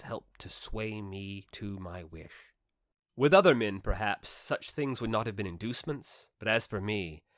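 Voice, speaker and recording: As an audiobook narrator, a man with a lowish voice reads a classic first-person novel aloud, his phrasing theatrical and emphatic and his pauses dramatic. The recording is dry and of studio quality.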